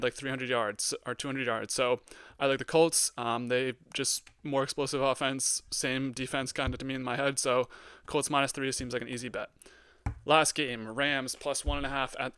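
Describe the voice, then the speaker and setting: Blunt, excitable young man talking sports picks. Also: medium pitch, clean tone, no room sound. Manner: blunt, hot takes, frequent ums, excitable. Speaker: podcast host. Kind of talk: solo sports betting podcast.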